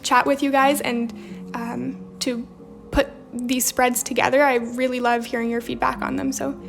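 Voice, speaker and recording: A young livestream host with a slight Romanian accent talks casually while journaling on stream, reading viewer comments aloud and replying. Her voice sits high and is creaky, with a level tone at normal speed, and faint music plays in the background.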